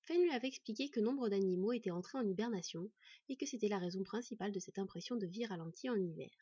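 A woman narrating a fantasy story in a steady, measured reading voice. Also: mid-range voice, breathy edge, dry recording. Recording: dry, slightly dull recording.

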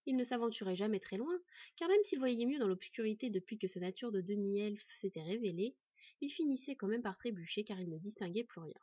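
A woman narrating a fantasy story in a steady, measured reading voice. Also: mid-range voice, slightly rough, no echo. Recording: dry, slightly dull recording.

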